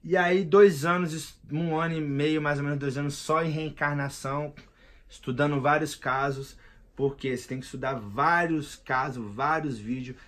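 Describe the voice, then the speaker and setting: A man's voice: fairly high pitch, fairly bright tone. A man in his thirties with a Brazilian Portuguese accent, vlogging in a slangy, emphatic, rambling monologue. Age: 30s. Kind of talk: casual monologue.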